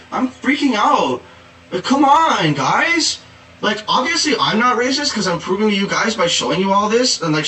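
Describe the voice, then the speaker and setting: A man's voice: on the high side, bright, forceful tone, reverberant, distant mic, slight background noise, low-quality recording. A man playing a preachy, exasperated activist who says "like" and "duh" all the time, in a sarcastic comedy monologue. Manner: valley-speak with constant "like" and "duh", sarcastic. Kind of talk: satirical character monologue.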